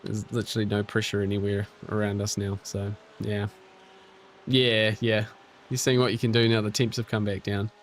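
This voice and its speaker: A man hosting a casual live stream, chatting with viewers and a teammate in a relaxed way, full of restarts and fillers. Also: lowish voice, normal speed, a little hiss or hum. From New Zealand. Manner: relaxed and chatty, with frequent restarts and fillers while reading chat aloud; friendly, encouraging teammate. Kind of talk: casual live-stream chat over sim racing.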